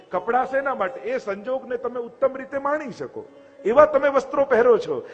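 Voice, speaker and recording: A man's voice: on the high side, in a large hall, lo-fi sound. Gujarati man giving a devotional sermon. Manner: conversational, rhetorical questions, lively emphasis. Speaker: Vaishnav acharya giving a discourse. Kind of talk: devotional discourse.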